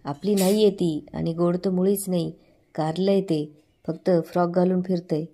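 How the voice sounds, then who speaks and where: A woman voicing a sharp-tongued older mother-in-law who scolds and mocks. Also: lowish voice, steady tone, normal speed, a little hiss or hum, natural voice. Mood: scornful.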